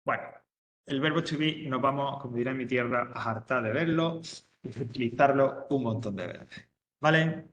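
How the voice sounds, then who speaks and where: A man teaching an English grammar lesson, explaining step by step and reading example sentences slowly. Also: medium pitch, a bit bright. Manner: explains step by step, checks understanding with frequent "¿vale?" and "¿ok?". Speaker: adult education English teacher. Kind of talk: recorded online English lesson.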